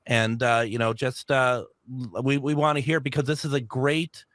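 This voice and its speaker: A man's voice: medium pitch, a bit bright, clear, resonant tone, no room sound. A man with an American accent hosting a radio show, speaking in a conversational broadcast style. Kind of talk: radio ad reads and casual hosting.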